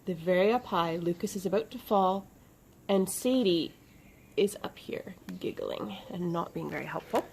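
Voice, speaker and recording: A woman author reading her children's book aloud with expressive storytelling and dramatic pauses. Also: fairly low pitch, vocal fry, slight background noise.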